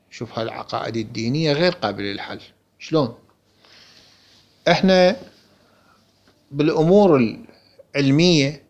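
A man with an Iraqi accent giving a religious lesson, explaining a book and answering his own questions. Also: mid-range voice. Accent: Iraqi Arabic. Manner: rhetorical questions answered himself. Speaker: religious teacher. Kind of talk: lecture explaining a text.

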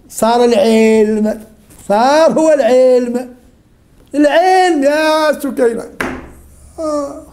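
Her voice is high and mellow as this religion teacher leads a lesson built on participation. Asking one question repeatedly, she names student after student until someone finally responds.

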